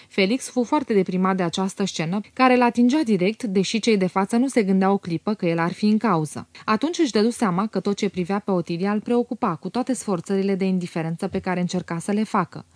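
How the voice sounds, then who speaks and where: A woman reading a classic novel aloud in measured, steady audiobook narration. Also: medium pitch, dry recording. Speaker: audiobook reader.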